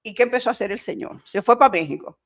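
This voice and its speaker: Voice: mid-range voice, lively intonation, fast, fairly bright tone. A podcast host summing up the guest's story and affirming it.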